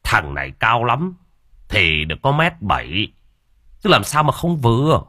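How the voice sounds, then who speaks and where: A gruff old coffin maker who snaps and scolds, played by a male narrator. The voice rises above his usual low tone, loud and lively, with a husky grain. Close, dry audiobook sound. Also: measured pace, dry recording, full character voice. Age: older.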